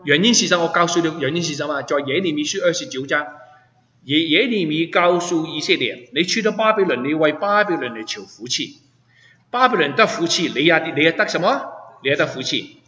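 Male pastor, emphatic preaching, somewhat high voice, echoing hall, dull lo-fi sound. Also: expressive, a little fast, sharp tone. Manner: emphatic, asks the listeners rhetorical questions. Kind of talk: sermon.

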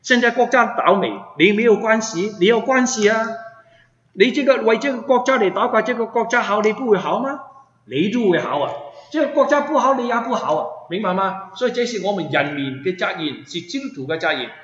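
Male pastor, emphatic preaching, somewhat high voice, echoing hall, dull lo-fi sound. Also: lively intonation, a little fast, fairly bright tone. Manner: emphatic, asks the listeners rhetorical questions. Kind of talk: sermon.

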